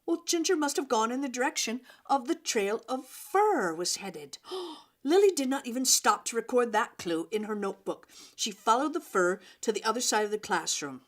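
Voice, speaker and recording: Reading a story to young children, a woman performs it expressively and dramatically, pausing and stressing words for effect. She speaks at a fairly high pitch.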